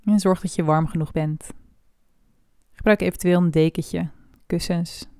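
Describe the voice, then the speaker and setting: Woman, meditation guide, slow soft delivery, smooth voice, dry close sound. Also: lowish voice, no echo. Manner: slow, soft and calm with long pauses. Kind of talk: guided body scan meditation.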